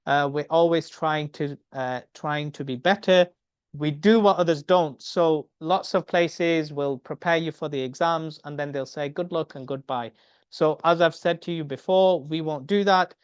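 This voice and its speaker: Middle-aged man from the UK giving a webinar talk. He speaks earnestly, with a smooth voice that is fairly high for a man, and he often repeats words as he thinks. The sound is dry, dull video-call audio. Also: a little slow, dry recording. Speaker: medical educator and academy speaker. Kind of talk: webinar presentation.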